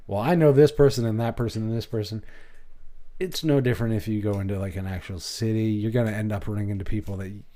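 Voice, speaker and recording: A man's voice: lowish voice, warm tone. A man with a Maine accent giving blunt, rambling reaction commentary as host of his channel.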